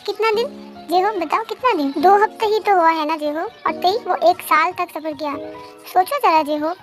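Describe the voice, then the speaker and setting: A woman's voice: extremely high pitch, normal speed. Fan drama: woman doing a strict dad, music underneath. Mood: stern. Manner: stern, lecturing. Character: stern father refusing to forgive his son.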